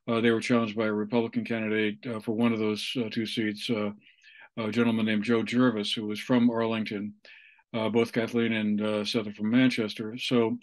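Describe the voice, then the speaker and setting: A man in his sixties giving an unscripted election report over a video call, in halting, measured phrases. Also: lowish voice. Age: 60s. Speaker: local election correspondent. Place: small room at home, indoors. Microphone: video call on computer microphone.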